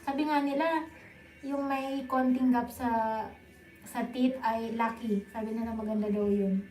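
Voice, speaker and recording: High-voiced Filipino woman live-streaming, echoey room. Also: steady tone, a little slow, mellow, soft background music. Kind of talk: casual chat with live viewers.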